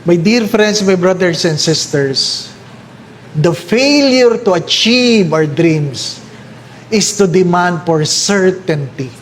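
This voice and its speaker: Filipino man, priest, slow lively talk, high voice, faint background hiss. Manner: animated storytelling with high-pitched voices for characters.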